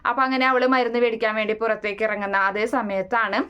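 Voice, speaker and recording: A woman's voice: fairly high pitch, fairly even intonation, fast, smooth, highs cut off. A woman casually retelling the plot of a TV serial, with many "eh" fillers and restarts. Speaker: serial recap narrator.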